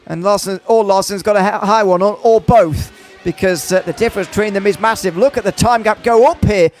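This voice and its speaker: High-voiced hesitant male race commentator. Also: fairly quick, darkish tone, faint music behind. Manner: hesitant, many fillers and restarts. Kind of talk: motorsport commentary.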